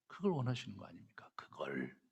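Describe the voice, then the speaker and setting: A man's voice: low-pitched, huge pitch swings, fairly quick, vocal fry, husky. A man pastor preaching at an evening prayer meeting, emphatic and full of rhetorical questions, in a church hall with a long reverb. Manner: emphatic, rhetorical questions, swings between loud and hushed.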